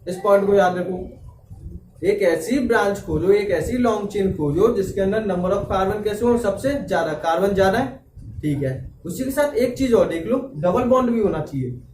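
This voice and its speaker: Man teaching in a high voice. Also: lively intonation, moderate pace, darkish tone, roomy sound, far from the mic, slight background noise. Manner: checks understanding with frequent "clear?" and "okay". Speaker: chemistry teacher. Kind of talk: classroom lecture.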